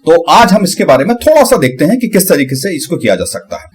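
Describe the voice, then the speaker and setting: A man giving a casual tutorial on pronunciation, breaking hard words into syllables and repeating them slowly. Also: on the high side, sing-song, breathy edge. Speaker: channel host.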